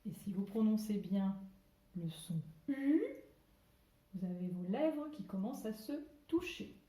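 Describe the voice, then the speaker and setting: Teacher lady talking slow n clear to little kids, bouncy voice, echoey room at home. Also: medium pitch, lively intonation, dark tone. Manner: slow, carefully articulated speech with playful exclamations. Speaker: primary school teacher. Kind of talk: video lesson for young children.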